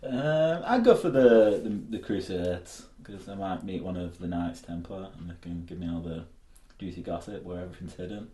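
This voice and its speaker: A man's voice: sits low, normal speed, dark tone, echoey room. A man co-hosting a podcast in casual chat, joking and boastful. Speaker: podcast co-host.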